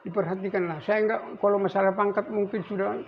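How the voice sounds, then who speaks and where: An elderly man in his eighties, a navy veteran, recalling his service in a rambling, halting way with many restarts. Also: sits high, fairly even intonation. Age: 80s. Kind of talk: recorded interview. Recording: dull lo-fi recording with faint noise.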